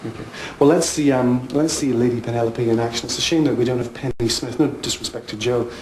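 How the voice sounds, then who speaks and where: Fast-talking male TV reporter, roomy sound. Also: mid-range voice, steady tone, a little mellow, a little hiss or hum. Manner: jokey, teasing questions. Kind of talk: live outside-broadcast interview. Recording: roomy live location sound.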